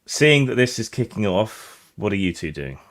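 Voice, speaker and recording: A tired man narrates a tabletop game as game master. He uses dry, understated humor, and his voice sits low. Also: big pitch swings, moderate pace, fairly bright tone.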